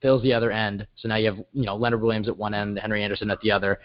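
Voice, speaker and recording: A man's voice: fairly low pitch, flat delivery, very fast, highs cut off. A male podcast co-host in casual sports chat, talking upbeat and steering the show to its close.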